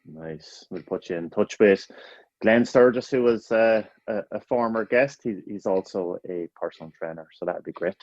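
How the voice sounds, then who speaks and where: A man co-hosting a casual podcast, firing off quick questions and cracking jokes with frequent laughs. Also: fairly low pitch, darkish tone, no echo, lo-fi sound. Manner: jokey, laughs often. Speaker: podcast co-host.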